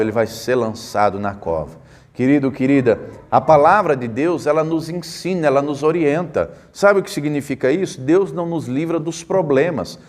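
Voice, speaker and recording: A man with a high-pitched voice delivers a sermon as a pastor. He presses his points with rising emphasis and rhetorical questions, then slows right down to read scripture deliberately. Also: darkish tone. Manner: slow deliberate scripture reading.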